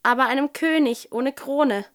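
A woman voicing a small, hurried male penguin who lisps his s and k sounds as pf in a storybook reading. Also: high voice, close to an everyday voice. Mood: breathless.

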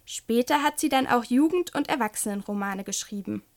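A woman reading a children's book aloud and talking gently to young listeners. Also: a little high, brisk. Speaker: storyteller.

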